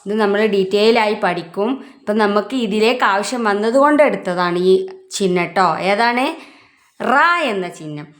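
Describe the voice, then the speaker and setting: A woman with a Malayali accent teaching a children's alphabet lesson, asking questions and answering them herself with drawn-out syllables. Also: medium pitch.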